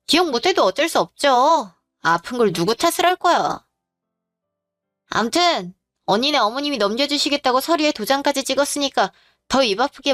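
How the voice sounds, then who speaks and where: Woman voicing a bratty young sister-in-law, mocking, snippy, high voice, faint music behind. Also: fairly bright tone, no room sound, clean studio sound. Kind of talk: audio drama narration.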